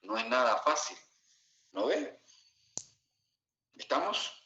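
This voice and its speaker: Male medical lecturer, bright low voice, lo-fi echoey classroom recording. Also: big pitch swings, slow, a little hiss or hum. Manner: asks students rhetorical check-in questions. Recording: echoey room, dull lo-fi sound.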